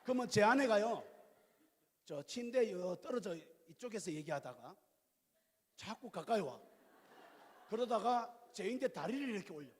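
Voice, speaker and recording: A male pastor in his fifties preaching a sermon, telling stories in a lively, colloquial way with questions to the congregation. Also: high voice, moderate pace, pauses often. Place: church sanctuary. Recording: reverberant church hall.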